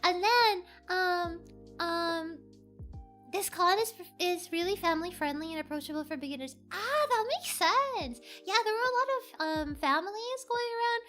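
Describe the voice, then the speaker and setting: A streamer chatting casually on a livestream, telling a story in an excitable, rambling and giggly way over faint background music. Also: very high-pitched, normal speed. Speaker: VTuber streamer.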